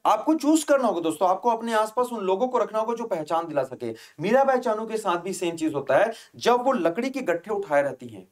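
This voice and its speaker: Man, high voice, motivational teacher, rhetorical questions, addresses students as friends. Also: big pitch swings, brisk, few pauses. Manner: casual speech mixed with English phrases. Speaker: exam coaching teacher.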